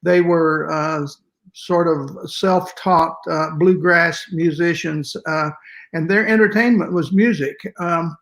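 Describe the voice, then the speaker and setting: An older man with a West Texas accent and twang, reminiscing conversationally in a folksy, halting way as an interview guest. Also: a little high, fairly even intonation, vocal fry, a bit bright. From West Texas, United States. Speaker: interview guest, music educator.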